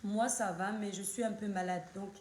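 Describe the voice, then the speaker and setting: A woman from Cameroon, hoarse from a cold, hosting a casual live stream and greeting viewers by name over and over. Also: mid-range voice, steady tone, moderate pace, echoey room, a little hiss or hum.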